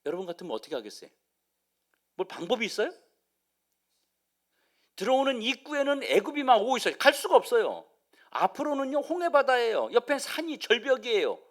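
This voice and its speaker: Animated high-voiced male pastor preaching. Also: a little fast, long pauses. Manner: animated storytelling, acting out voices of the people and God. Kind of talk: sermon.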